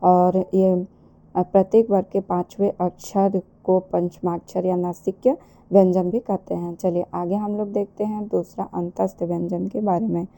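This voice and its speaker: A woman with a fairly low, mellow voice and flat delivery teaches an exam-prep lesson. She speaks slowly, repeats herself, and asks rhetorical questions that she then answers herself.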